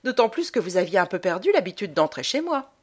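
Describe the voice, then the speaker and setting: A woman's voice: medium pitch, big pitch swings, quick pace, slightly rough. A woman voicing Tancré, cautious jovial man. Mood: delighted.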